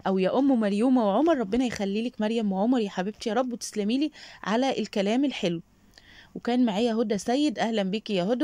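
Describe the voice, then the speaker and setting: A woman's voice: medium pitch, dry recording. A middle-aged Egyptian woman with an Egyptian accent, greeting her followers by name and offering them blessings in a casual shopping vlog. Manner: warm greetings and prayers for viewers. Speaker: shopping vlogger.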